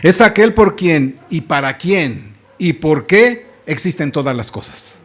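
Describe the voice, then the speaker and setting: A Mexican pastor preaches in a church with a high-pitched voice. He tells the story dramatically, stopping to put questions to his listeners. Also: lively intonation, unhurried, fairly bright tone. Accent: Mexican Spanish. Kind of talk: sermon.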